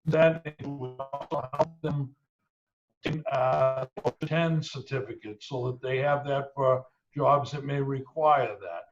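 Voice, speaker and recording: A man speaking on a panel over a video call whose audio keeps breaking up, talking in a halting way with many pauses. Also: medium pitch, steady tone, highs cut off, soft background music. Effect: choppy, breaking-up video call audio. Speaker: panelist describing a reentry program.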